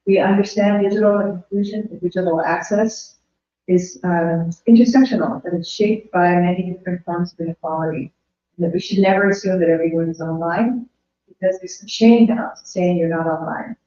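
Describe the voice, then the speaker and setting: Woman, academic talk, hoarse, earnest, echoey dull audio. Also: lowish voice, warm tone. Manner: earnest, measured, rhetorical lists. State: losing her voice. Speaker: invited speaker. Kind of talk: academic presentation. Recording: roomy, dull remote audio.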